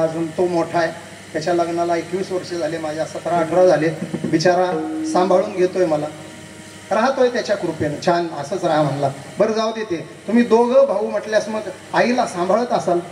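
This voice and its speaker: High-voiced preacher in an echoey hall. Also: male voice, darkish tone, far from the mic, slight background noise. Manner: acts out both sides of a dialogue, addresses the crowd directly. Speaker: kirtan preacher. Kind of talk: devotional kirtan sermon with storytelling.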